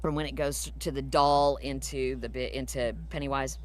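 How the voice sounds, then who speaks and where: Speaking with an extremely low voice and fairly even intonation, this voice actress guest takes fan questions during a relaxed live Q&A at a moderate pace. Her answers come as warm, chatty stories full of filler words.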